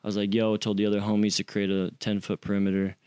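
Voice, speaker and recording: A man's voice: lowish voice, completely flat delivery, fast, a little mellow, clear, resonant tone. A young man casually telling a story as an interview guest, acting out quotes with slang and swearing.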